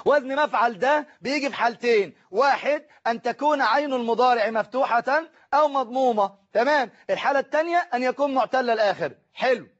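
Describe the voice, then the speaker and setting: Egyptian male teacher, high-pitched, methodical exam-prep drill, stretches out word patterns, dull lo-fi sound. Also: fairly bright tone. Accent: Egyptian Arabic. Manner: asks and answers his own questions, drills the class to repeat forms; slows right down to spell out word patterns. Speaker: Arabic teacher. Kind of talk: exam-prep grammar lesson.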